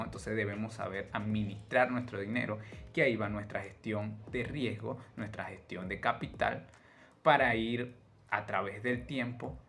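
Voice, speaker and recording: Low-voiced man teaching a motivational trading class. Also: fairly bright tone. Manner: motivational, rhetorical questions, tag questions "¿no?". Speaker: trading course instructor. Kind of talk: online course lecture.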